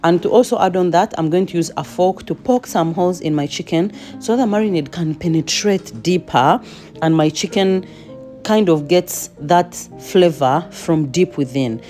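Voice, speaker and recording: A woman's voice: on the low side, moderate pace, warm tone, faint music behind. A woman home cook giving a chatty cooking voice-over with playful asides.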